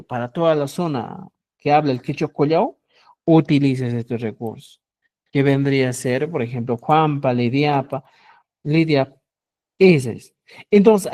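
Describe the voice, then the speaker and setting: A woman teaching a grammar lesson, explaining slowly and often checking in with her students. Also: low voice, warm tone. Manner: slow, explanatory, repeats phrases and asks "¿ya?". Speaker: language teacher.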